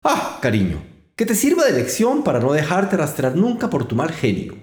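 A man voicing an old mother crab in a told fairy tale, soft and moralizing. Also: fairly high pitch, wildly swooping pitch, normal speed, echoey room. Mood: preachy.

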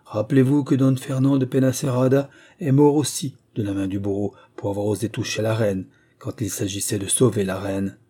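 A man's voice: lowish voice, fairly even intonation, brisk, hardly any pauses, warm tone, breathy edge. A man reading aloud, voicing an old monk who refuses help with cold, formal politeness. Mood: menacing. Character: calm, vengeful old male monk.

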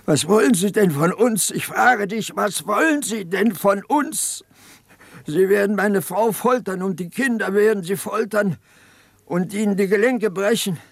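A haunted peasant partisan in an old radio drama, slow and heavy with guilt. His voice is gravelly and husky, each phrase dragged out and pressed close to the mic in a dry, dead studio. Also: high-pitched, dry recording, exaggerated voice. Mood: anguished. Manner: brooding, halting, pleading confession. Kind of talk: 1950s radio drama acting.

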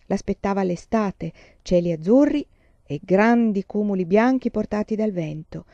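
A woman reading a children's novel aloud, with calm, even narration. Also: mid-range voice, a little slow, no echo. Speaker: reader. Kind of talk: storybook reading. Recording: dull dry lo-fi sound.

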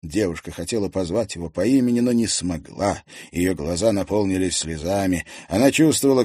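A man narrating an audiobook in a steady, even reading voice. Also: on the low side, dry recording, studio quality. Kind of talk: scripted narration.

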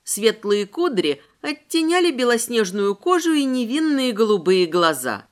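A woman's voice: a little high, measured pace. A woman narrating a first-person fantasy story expressively, voicing the heroine's nervous asides. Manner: expressive, voices the heroine's fears. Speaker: audiobook narrator.

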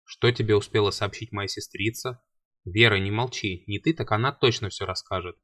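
A commanding male dragon prince snaps short, clipped orders in a low voice, as a man reading the book puts him on. The recording is dry and close. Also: moderate pace, sharp tone, dry recording. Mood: curt. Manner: curt, clipped.

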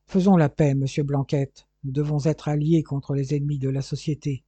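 A man's voice: a little high, little pitch movement, moderate pace, warm tone, slightly rough, no echo. A man voicing a touchy, indignant French police inspector in an audiobook. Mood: defensive.

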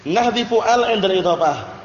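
A man's voice: high-pitched, expressive, moderate pace, a little hiss or hum. A man teaching Arabic grammar to a class, questioning students and drilling their answers. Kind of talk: classroom lesson. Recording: dull, echoey hall recording.

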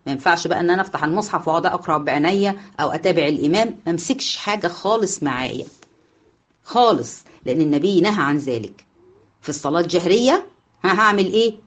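A woman with an Egyptian Arabic accent teaching a class, asking her students questions and answering them herself, repeating the key points. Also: fairly low pitch. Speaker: Islamic jurisprudence teacher. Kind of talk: online class lecture.

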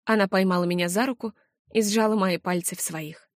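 Женщина читает аудиокнигу, сухой звук. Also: female voice, medium pitch, brisk, no room sound, clean studio sound. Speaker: audiobook narrator. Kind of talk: scripted first-person narration.

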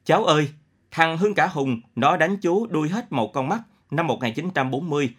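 A man voicing a bitter one-eyed middle-aged peasant in a read story, with loud, emotional outbursts. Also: a little high, animated, normal speed, slightly rough. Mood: overwhelmed.

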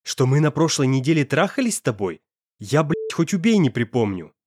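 A man's voice: fairly high pitch, sing-song, a little fast, darkish tone, breathy edge, no room sound, clean studio sound. A man playing a crude, menacing young guy. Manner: coarse, slangy, menacing. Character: angry young male student, crude and threatening.

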